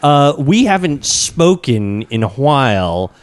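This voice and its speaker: A man's voice: medium pitch, sing-song, takes it slowly, dry recording. An American man hosting a podcast in casual, jokey chat, with showman-like, exaggerated phrasing. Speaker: podcast host.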